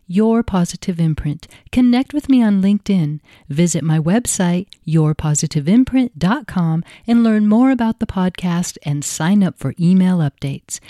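A woman's voice: medium pitch, mellow, no room sound, clean studio sound. A woman hosting a podcast, reading scripted intros and interviewing a guest in an upbeat, effusive way. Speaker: podcast host.

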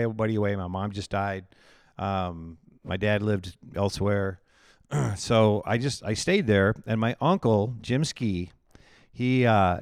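A man's voice: lowish voice, a little mellow, no room sound, studio quality. A male pastor telling his life story in an interview, candid and chatty, often laughing at himself.

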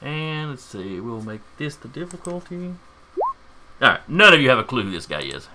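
Bright, sharp-voiced male game master. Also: mid-range voice, big pitch swings, a little hiss or hum. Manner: informal, halting as he improvises. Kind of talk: improvised tabletop game narration.

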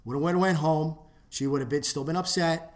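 A man in casual podcast chat, telling a long story with many restarts and trailing off into low mutters. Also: fairly even intonation, moderate pace. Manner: rambling, restarts often, drops to a low mutter when quoting.

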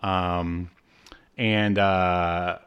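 A man's voice: low-pitched, flat delivery, drawn-out words, clear, resonant tone, dull audio. A man co-hosting a podcast, recapping a cartoon episode in casual chat, rambling with many fillers and frequent laughs. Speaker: podcast co-host.

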